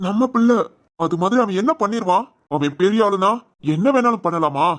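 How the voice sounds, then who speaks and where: A man voicing a firm but loving village father in an animated family drama, with a Tirunelveli Tamil accent and a reassuring manner. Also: high voice, normal speed. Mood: stern. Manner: steady, reassuring.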